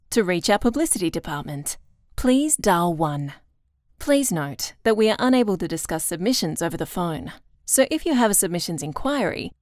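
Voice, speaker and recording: A woman reading a recorded phone menu message, with slow, measured prompts. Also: on the low side, a little mellow, no room sound, studio quality. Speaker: phone system announcer.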